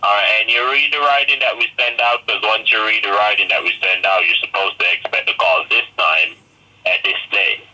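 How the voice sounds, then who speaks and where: A man with an Indian accent pushing a scripted pitch on a phone call, halting and repeating himself as he insists. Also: fairly even intonation, sharp tone. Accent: Indian English. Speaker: phone scammer posing as a government agent. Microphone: telephone. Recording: noisy phone line.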